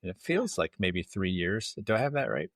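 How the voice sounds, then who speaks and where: A man's voice: deep voice, sing-song, moderate pace, a bit bright, no echo, studio quality. A man hosting an interview podcast, talking casually and conversationally with small restarts. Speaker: podcast host.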